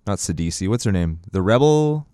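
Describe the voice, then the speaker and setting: A man's voice: fairly low pitch, animated, fairly quick, warm tone, clear, resonant tone, dry recording, clean studio sound. A man hosting a podcast in casual chat from a small broom closet, upbeat, jokey and teasing. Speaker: podcast host. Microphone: good studio mic.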